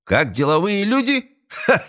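Villain for an audiobook: a cruel, mocking young gang thug, read by a male narrator, pitched high above the narration and sneering. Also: big pitch swings, normal speed. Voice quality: sneering, taunting.

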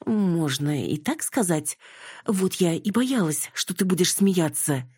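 A woman reading an audiobook, voicing a flustered, theatrical older mother who is an actress, in a high, dramatic and indignant manner. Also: animated, slow, darkish tone, husky, no room sound, clean studio sound, exaggerated voice. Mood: sheepish.

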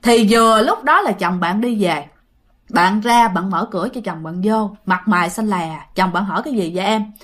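A woman's voice: mid-range voice, moderate pace, a bit bright. Chatty woman storyteller. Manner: chatty, addressing listeners directly. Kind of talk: ghost story narration.

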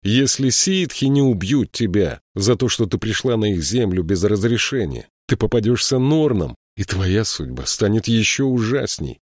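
A man reading the lines of a weary, haunted prince in a slow, grave way. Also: on the low side, expressive, dry recording, studio quality, pitched above the performer's own voice. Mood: stern.

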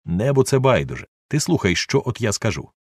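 Feverish eccentric gentleman, commanding and urgent, dry recording; a man reads him. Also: fairly low pitch, big pitch swings, brisk, slightly rough, dry recording, voice pushed up. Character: excitable eccentric gentleman obsessed with treasure.

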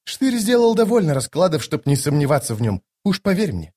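A man voicing a sharp-tongued woman corporal with a husky, curt and commanding way of talking. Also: fairly high pitch, sing-song, brisk, pitched above the performer's own voice. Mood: snappish.

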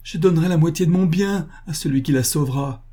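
A man's voice: mid-range voice, animated, normal speed, mellow, breathy edge, voice pushed up. A man voicing a frantic, anguished village butcher. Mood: anguished pleading. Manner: anguished, pleading, raised voice.

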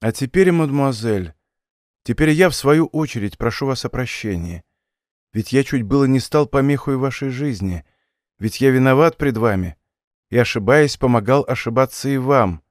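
A man voicing a heartbroken young nobleman who speaks slowly and gravely in an audiobook. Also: medium pitch, expressive, no echo, studio quality, lightly acted. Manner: slow, grave, bitterly measured speech. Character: young nobleman, bitter and heartbroken yet gallant.

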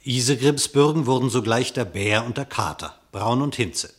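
Delivering a classic verse radio drama, a medium-pitched male narrator recounts the tale with formal, measured restraint.

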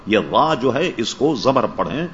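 A man's voice: medium pitch, animated, slight background noise. A male Islamic scholar answering questions in a study session, patiently explaining and correcting how words should be pronounced. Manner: patient, explanatory, checks understanding; corrects word pronunciation. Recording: dull lo-fi archive recording.

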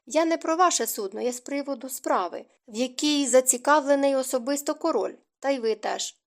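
A woman's voice: high voice, brisk. A woman voicing an insistent old apothecary. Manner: pushy, insistent, long-winded. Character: old bearded male apothecary and merchant, insistent. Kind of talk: audiobook character reading.

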